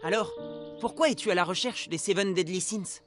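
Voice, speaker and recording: A woman's voice: medium pitch, fairly quick, soft background music, lightly acted. A woman voicing a carefree, teasing boyish tavern owner in a dubbed cartoon. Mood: laid-back. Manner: teasing and laid-back.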